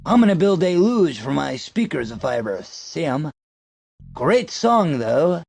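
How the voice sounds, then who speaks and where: An actor voicing a lazy, laid-back stoner hipster man in a video game, with a gravelly drawl. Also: fairly high pitch, big pitch swings, unhurried, darkish tone, exaggerated voice. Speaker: game character Kent. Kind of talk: voiced video game dialogue.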